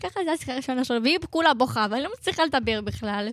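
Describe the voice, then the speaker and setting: A woman co-host tells her stories with lively, dramatic flair. Her voice sits a little high, and the sound is dry and close, with no room echo. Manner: animated, dramatic storyteller. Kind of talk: casual chat.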